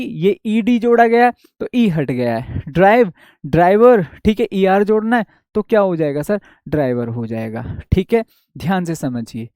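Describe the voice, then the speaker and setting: A man's voice: high-pitched, dark tone, clean tone, no room sound, clean studio sound. A young man teaching English spelling rules in an online class, asking and answering his own questions and repeating key points.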